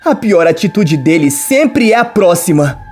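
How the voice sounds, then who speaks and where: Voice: mid-range voice, big pitch swings, a little slow, darkish tone, soft background music. Defiant young heroine, as a narrator reads her. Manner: firm, cutting, sarcastic.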